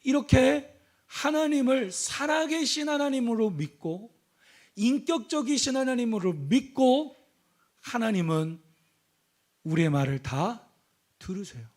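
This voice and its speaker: A middle-aged male pastor preaching a sermon. He swings between loud exhortation and hushed, intimate speech, asks the congregation questions and calls out hallelujah. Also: extremely high pitch, lively intonation, a little slow, pauses often.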